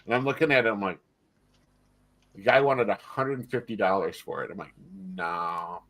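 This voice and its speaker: A man's voice: medium pitch, lively intonation, a little fast, a bit bright. A man chatting casually as a panelist, telling stories in a blunt, griping way. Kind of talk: casual chat.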